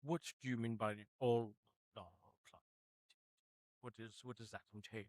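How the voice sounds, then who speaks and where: A guarded, evasive law firm representative who stumbles through his answers, played by a man. His voice is plain and mid-pitched. It is recorded close and dry. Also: little pitch movement, a little mellow, no echo, close to an everyday voice. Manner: halting, guarded.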